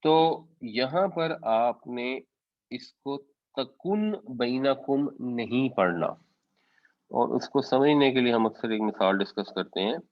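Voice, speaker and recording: A man gives a patient, explanatory religious lesson at an ordinary middle pitch, dropping in English words as he goes. The recording is dry, with no room sound, and a little dull and muffled. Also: no echo. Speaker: Quran teacher.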